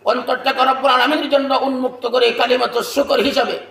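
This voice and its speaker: A man preaching a sermon at a gathering, shouting and chanting verses in a sing-song voice. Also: very high voice, level tone, a little fast, vocal fry. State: unwell. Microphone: loudspeaker microphone. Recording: echoey loudspeaker sound.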